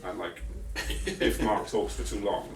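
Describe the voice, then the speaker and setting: A man's voice: fairly low pitch, unhurried, a little hiss or hum. A man from the valleys, a band member, telling teasing stories in a joking interview. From South Wales valleys. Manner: animated storyteller, teasing. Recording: echoey venue, mic from far off.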